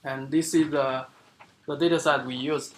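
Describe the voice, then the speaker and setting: A man giving an academic seminar lecture as the speaker, explaining in a halting way with many fillers and restarts. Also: mid-range voice, steady tone, background noise. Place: lecture room.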